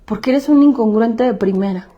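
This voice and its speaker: This woman, whose accent is Mexican Spanish, shares an unfiltered testimony with a self-help group, swearing openly, speaking emphatically, and repeating lines for effect. Her pitch is fairly high, her pace normal, and the audio sounds dull.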